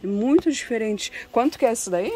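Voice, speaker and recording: Inside a cluttered home textiles shop, a woman with a Brazilian accent vlogs, showing the goods to viewers in casual, admiring chat. Her fairly high, mellow voice is fairly quick with lively intonation, and she often ends on little tag questions.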